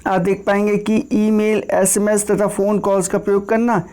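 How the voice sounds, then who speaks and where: A man's voice: high-pitched, flat delivery, normal speed, darkish tone, clear, resonant tone. A man teaching an exam-prep class with a north Indian accent. He explains in a conversational way, repeats points and keeps checking in with the class. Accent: Hindi-speaking north Indian. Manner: conversational, repeats points, frequent "theek hai" check-ins. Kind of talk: lecture on law for exam preparation.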